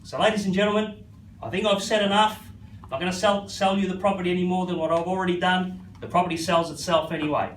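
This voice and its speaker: A man's voice: sits high, flat delivery, quick pace. An Australian man working as a real estate auctioneer, delivering live auction patter that repeats figures and addresses bidders by first name. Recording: echoey, slightly distant, faint background noise.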